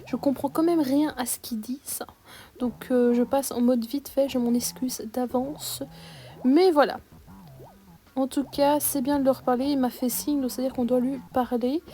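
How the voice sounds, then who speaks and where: Young adult woman, high voice, chatty upbeat gameplay commentator. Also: fairly even intonation, moderate pace, warm tone, soft background music. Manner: chatty, upbeat, many fillers and restarts. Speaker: gaming YouTuber.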